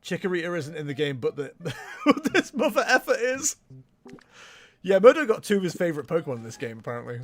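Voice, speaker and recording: A man's voice: a little high, very animated, brisk. A man chatting casually and commenting on a video game in a jokey, rambling way.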